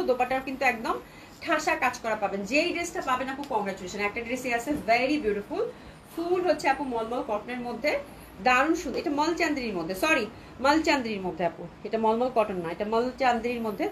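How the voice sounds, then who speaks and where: A woman with a Bangladeshi Bengali accent hosting a live clothing sale, chatting with viewers and repeating prices, with a cold that keeps her speaking softly. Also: high-pitched, a little hiss or hum. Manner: chatty, repeats prices, mixes in English words. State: has a cold, talking softly to avoid coughing. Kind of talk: live sales chat with viewers.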